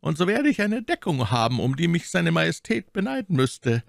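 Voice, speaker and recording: A man's voice: a little high, big pitch swings, normal speed, vocal fry, dry recording, clean studio sound, pitched above the performer's own voice. A man voicing a commanding, cunning male cardinal with a ringing, imperious tone, in a storybook reading.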